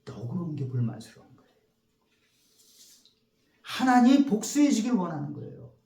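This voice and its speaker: A male pastor preaching a sermon in a church, telling the story in an animated way and acting out the quotes. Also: sits high, moderate pace, roomy sound. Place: church sanctuary.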